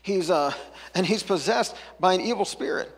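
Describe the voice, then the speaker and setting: A man's voice: sits high, normal speed, breathy edge, big-room sound. A man preaching a casual, chatty sermon, breaking off into jokey asides and back. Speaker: pastor. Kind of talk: conversational sermon.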